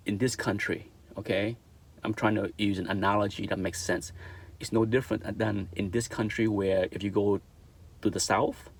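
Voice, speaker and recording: Husky and lowish, the voice comes from a middle-aged Vietnamese vlogger with a Vietnamese accent. In an earnest opinion piece, he keeps going back over his points and checks in by asking "okay?".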